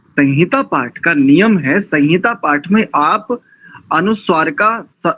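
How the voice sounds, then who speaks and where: A man teaching Vedic mantra pronunciation, who chants verses slowly and then corrects his students patiently. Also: on the high side, animated, bright, forceful tone, low-quality recording. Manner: admonishing, didactic. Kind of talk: recitation lesson with slow mantra chanting.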